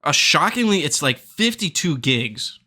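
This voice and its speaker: A man's voice: fairly high pitch, sing-song, unhurried, pushed and bright. A man hosting a gaming podcast in casual chat, rambling and searching for words. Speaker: podcast host.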